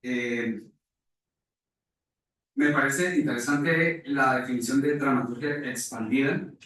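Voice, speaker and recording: A man's voice: mid-range voice, fairly bright tone. Man presenting in echoey hall. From Costa Rica. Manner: formal, measured, corrects himself with "perdón". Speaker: conference speaker. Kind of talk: academic presentation, partly read aloud. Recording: echoey hall, voice far from mic.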